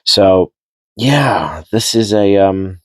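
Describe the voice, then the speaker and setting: A man's voice: sits low, expressive, extremely slow, no echo. A man giving a casual, rambling rugby match recap, repeating and restarting words as he goes. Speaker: rugby vlogger.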